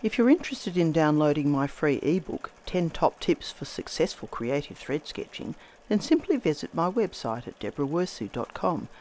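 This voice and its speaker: A textile artist hosts a scripted craft demonstration, her voice slightly croaky after a recent bout of laryngitis. Her pitch rises and falls in a lively, singsong way while her delivery remains measured and gentle.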